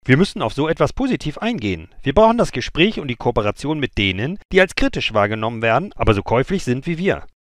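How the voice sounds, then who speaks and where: A man's voice: medium pitch, big pitch swings, quick pace, few pauses, no echo, clean studio sound, voice pushed up, lightly acted. A man reading the part of a pragmatic woman at a lobbying firm in an audiobook, persuasive and upbeat.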